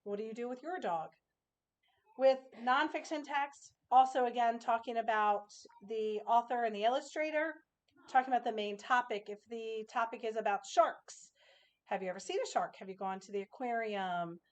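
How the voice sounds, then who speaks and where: A woman's voice: fairly high pitch, normal speed. A woman teacher giving an informal instructional presentation to parents, explaining with example questions.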